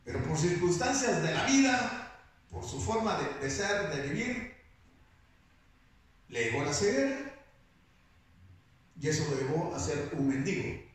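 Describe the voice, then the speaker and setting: A man preaching a sermon, slow and emphatic, rising now and then into shouts. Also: on the high side, sing-song. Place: church hall. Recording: very echoey hall, voice picked up from a distance.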